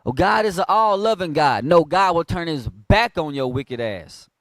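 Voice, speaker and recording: Male Bible teacher in preaching mode, slightly high voice, dry close sound, big shifts between hushed and shouted lines. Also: lively intonation, normal speed, dry recording. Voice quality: call-and-response delivery, prompting a reader. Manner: swings from low, quiet asides to loud, high emphatic bursts.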